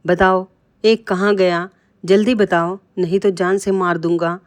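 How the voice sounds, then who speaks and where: A simple-minded, strong wrestler from a storybook tale, as a woman narrator reads his lines. He talks plainly and earnestly, and the voice sits low. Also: little pitch movement, a little slow, natural voice.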